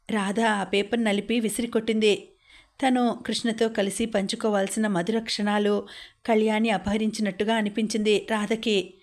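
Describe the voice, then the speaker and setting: A woman narrating an audiobook novel at a steady, measured storytelling pace. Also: medium pitch. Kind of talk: novel read-aloud narration.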